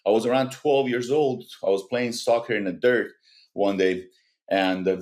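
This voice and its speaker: Low-voiced Iranian-born man telling his story. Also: a little mellow. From Iran. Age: 40s. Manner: earnest, halting, with frequent restarts. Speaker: guest. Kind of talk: personal story in a podcast interview.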